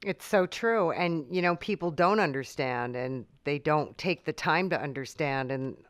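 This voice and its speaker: A woman's voice: low voice, measured pace, dry recording, clean studio sound. Friendly woman book club host. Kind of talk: radio-style interview hosting.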